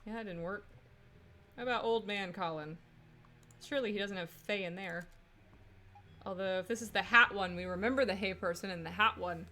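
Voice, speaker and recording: A woman's voice: medium pitch, moderate pace, pauses often, bright, forceful tone, a little hiss or hum. A woman on a casual let's play, reading game lines and commenting in a playful, sweary way. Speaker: gamer and co-host.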